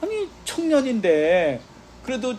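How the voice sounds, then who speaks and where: Speaking in a very high-pitched, unhurried voice, a male pastor preaches in a church sanctuary with slight background noise. He's an animated storyteller, exclaiming, quoting dialogue, and calling on the congregation to respond.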